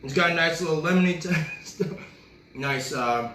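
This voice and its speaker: Male cooking-show host, relaxed and chatty, slightly high voice, recorded at a distance in an echoey room. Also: normal speed, slight background noise. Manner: talks while chewing, relaxed and chatty. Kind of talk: casual cooking video chat.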